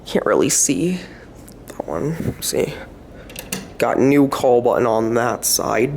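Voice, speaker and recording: A man's voice: mid-range voice, slow, gravelly, slight background noise. A man filming hotel elevators with a handheld camera, casually narrating and pointing things out as he rides. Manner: relaxed, pointing things out as he goes. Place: hotel elevators and hallway, indoors.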